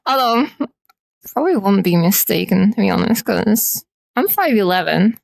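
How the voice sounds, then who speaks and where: A woman's voice: medium pitch, lively intonation, moderate pace, vocal fry, darkish tone, no room sound, studio quality. A woman streamer in casual, playful chat with her viewers, teasing them lightly.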